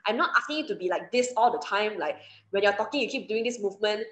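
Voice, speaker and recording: A woman's voice: mid-range voice, quick pace, fairly bright tone, poor audio. A woman teacher with a Malaysian English accent, teaching an online class in a chatty way and acting out short examples. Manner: chatty, explains with examples and acted asides.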